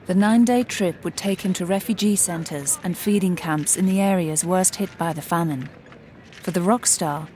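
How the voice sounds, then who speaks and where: A woman giving scripted documentary narration in a measured, even way. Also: fairly low pitch, slight background noise.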